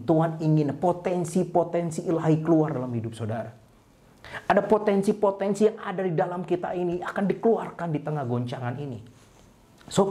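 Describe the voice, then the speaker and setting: A male preacher delivering an animated sermon. His pitch leaps high for acted-out cries and sinks low and quiet at the end of each phrase. He tells the story with expressive energy. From Indonesia. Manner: animated storytelling, acts out a crying eaglet; ends phrases with a low, soft address to listeners. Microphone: online service broadcast.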